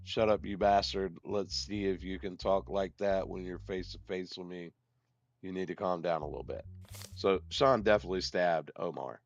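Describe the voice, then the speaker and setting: A man livestreaming a courtroom game, joking loudly, swearing, and handing down mock-judge verdicts. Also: sits low, fairly even intonation, moderate pace, vocal fry, lo-fi sound. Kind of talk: casual gaming commentary.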